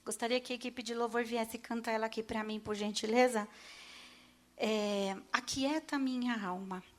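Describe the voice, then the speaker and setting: A middle-aged woman from Brazil speaks in a fairly high voice as she gives her testimony to a church congregation. Her telling is emotional and halting, full of restarts and pauses as she relives the moments. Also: flat delivery. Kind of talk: personal testimony.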